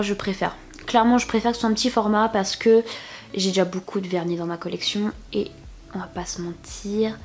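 A young woman chatting through a beauty haul at home, full of fillers and quick restarts. She talks loosely and warmly to her viewers and keeps breaking off to reveal the next item. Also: medium pitch. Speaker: beauty vlogger. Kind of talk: casual haul video chat.

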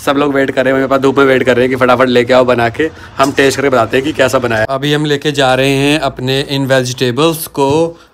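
A male vlogger with a mid-range voice films a home cooking vlog on his phone, chatting playfully and teasing as he cooks. Slight background noise is present.

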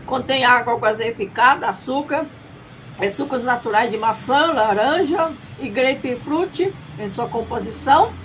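A woman's voice: on the high side, unhurried, fairly bright tone. A middle-aged woman with a Brazilian accent presenting a product tasting to camera in a chirpy manner, mixing in Japanese phrases. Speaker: video channel host. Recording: noisy outdoor ambience.

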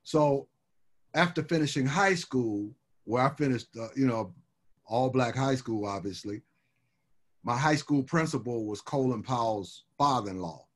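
As a guest on a video call, an older man from Birmingham, Alabama, tells stories in an easygoing, rambling, animated way, sprinkled with "you know" and never rushed. His voice is middle-pitched for a man, and he's in a room at home with wood shutters and framed pictures.

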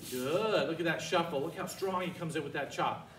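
An older man with a voice on the high side teaches a karate class at normal speed, calling out short, commanding cues for the students to repeat in call-and-response drills. He's a martial arts instructor in a large indoor studio, picked up by a far camera, so the sound is roomy and distant with faint noise.

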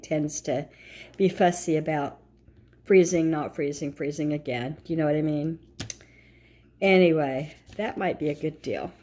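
A middle-aged woman with a slightly low voice chats at home, thinking aloud and drifting into little asides. Her talk is relaxed and conversational, and it is picked up by a phone camera pointed down at a table. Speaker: vlogger. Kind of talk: casual chat reviewing a grocery flyer.

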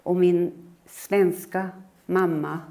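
A woman in her eighties from Finland tells her life story in a measured, reflective lecture. Her voice sits a little low and sounds mellow and warm. She recreates her own remembered words as she goes. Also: steady tone. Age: 80s.

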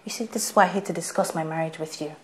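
An actress playing an exasperated Nigerian young wife. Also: female voice, fairly low pitch, rapid-fire, slight background noise, natural voice. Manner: exasperated, defensive. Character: busy young married woman, blogger. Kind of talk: film acting.

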